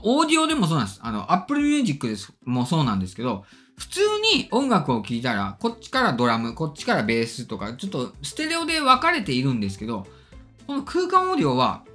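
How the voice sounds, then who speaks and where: A middle-aged man hosts a casual tech chat in a quick, very animated delivery that swings widely in pitch. His diction is slightly slurred from orthodontic braces, and he reads comments and replies politely with emphasis. Faint music plays behind him. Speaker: YouTube tech channel host. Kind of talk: casual chat, reading and answering viewer comments. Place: indoor studio or room, seated at desk.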